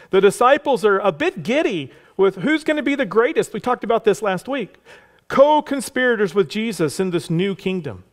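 A man preaching a sermon as pastor, telling a history story in a loose conversational way with asides and little jokes. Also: high-pitched. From Texas. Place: church sanctuary.

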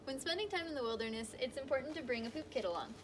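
A young woman with a fairly high voice talks through an outdoor how-to lesson in an upbeat, playfully deadpan way. She's outside in a backyard, picked up by a camera mic. A faint outdoor hush sits behind her. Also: rapid-fire, noisy background. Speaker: outdoor skills instructor. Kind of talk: scripted instructional video.

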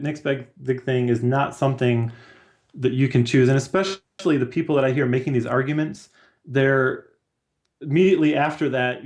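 Over a video call with headphones, a man in his thirties, a comics artist, is a guest in a casual chat from a small home or office room. He speaks at a medium pitch with a slightly mellow quality.

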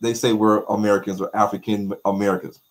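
A middle-aged documentary maker appears as a guest in a video-call interview, sitting in a bright room with light walls. His voice is on the low side and level in tone, and he speaks fast. He talks emphatically, repeating words and posing rhetorical questions.

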